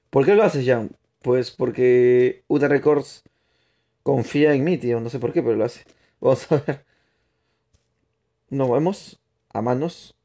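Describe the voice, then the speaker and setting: A man's voice: mid-range voice, dark tone. A young man with a put-on Spain Spanish accent, chatting with viewers and rambling through his explanations while he streams a game live. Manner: chatty, answers viewers' chat while playing, rambling restarts. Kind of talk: live gaming stream commentary.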